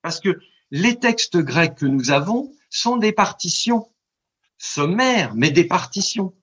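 A man's voice: fairly high pitch, lo-fi sound. A man, a translator and scholar, giving a long, digressive radio interview answer with stammering restarts. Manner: digressive, stammering restarts, lively demonstrations of recited verse. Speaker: translator and scholar of ancient Greek. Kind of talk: radio interview, explaining at length.

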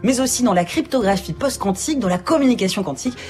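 Animated woman reading radio science briefs. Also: on the high side, quick pace, faint music behind. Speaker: radio science news reporter. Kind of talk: scripted news briefs delivered conversationally.

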